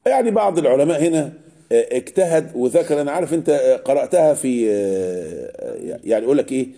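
A man's voice: mid-range voice, lively intonation, fast talker, mellow. A man with an Egyptian Arabic accent teaching a lesson on Quranic verses, often asking the class a question and answering it himself. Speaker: religious teacher.

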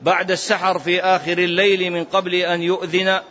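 A man's voice: sits high, little pitch movement, brisk, bright, forceful tone, lo-fi sound. A man giving a religious lesson as a preacher, emphatic and rhetorical, sometimes chanting phrases. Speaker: Islamic preacher.

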